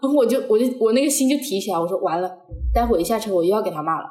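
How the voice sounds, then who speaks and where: A young woman chatting as a podcast host, telling a personal story in an animated way with frequent laughter and acted-out quotes. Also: mid-range voice, very fast. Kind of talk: casual storytelling chat. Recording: echoey room.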